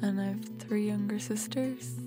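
A woman's voice: medium pitch, steady tone, moderate pace, over loud music. A seventeen-year-old young woman from Galway with a west of Ireland accent, explaining things casually as an interviewee.

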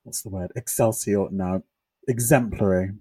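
A man's voice: lowish voice, fairly even intonation, normal speed, warm tone, slightly rough, dry recording. A young man, co-hosting a podcast in sassy, opinionated chat. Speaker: podcast co-host. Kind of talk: casual chat.

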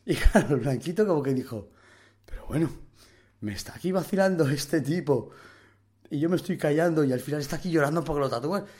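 A man's voice: on the high side, fairly quick, darkish tone. A young Spanish man from Spain telling an anecdote casually, rambling with lots of slang, fillers and imitated sounds. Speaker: storyteller.

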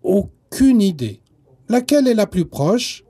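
A man reading aloud and putting on an eager young boy, high and lively, jumping from curiosity to worry. The voice is soft and a little husky. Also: heavily acted. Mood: puzzled. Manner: excitable, quick to worry. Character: eager boy visiting from elsewhere, easily scared. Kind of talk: storybook narration.

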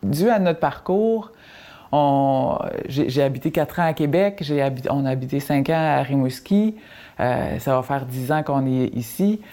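A woman's voice: extremely low pitch, lively intonation, a little slow, dark tone. Restless Quebec French woman. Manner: restless, repeats herself. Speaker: guest. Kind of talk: interview testimony.

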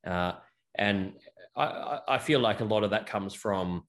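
A man's voice: on the low side, unhurried, fairly bright tone. A man hosting an interview, who talks in a rambling, hesitant way with many restarts. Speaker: podcast host and actor. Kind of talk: casual interview.

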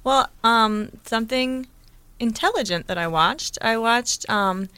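A woman's voice: fairly high pitch, unhurried, pushed and bright, clean tone, no echo. Chatty, musing woman co-host. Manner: musing, chatty, full of questions. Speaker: podcast co-host. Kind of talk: casual chat.

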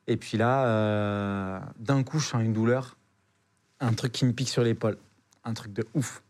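A man's voice: lowish voice, moderate pace. Slangy young man telling a story. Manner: slangy, animated, full of hesitations and repeated words. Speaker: adventurer guest on a podcast. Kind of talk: casual storytelling.

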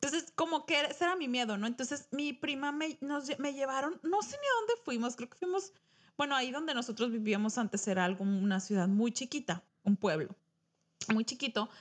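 A young woman with a high voice and a Mexican Spanish accent tells a childhood story. She is a podcast co-host and keeps it casual. She jumps into the voices of the people in her story. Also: fairly quick. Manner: animated, acts out quoted voices.

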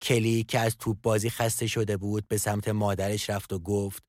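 A man narrating a scripted audio drama in a calm storytelling delivery. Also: on the low side, no room sound. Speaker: narrator and writer of a podcast drama. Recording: dry studio voice with soft music.

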